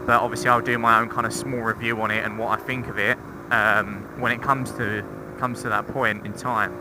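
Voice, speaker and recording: With little pitch movement and a slightly fast pace, a young man's mid-range voice carries over loud motorcycle engine and road noise. He's a vlogger riding on roads, talking informally into a helmet intercom microphone. The review he gives is rambling, with swearing and self-mockery.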